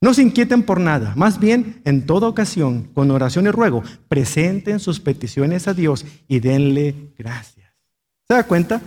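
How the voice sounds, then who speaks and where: A man's voice: fairly high pitch, sing-song, moderate pace, a little mellow. A male pastor preaching a sermon, emphatic, with rhetorical questions and repeated exhortations.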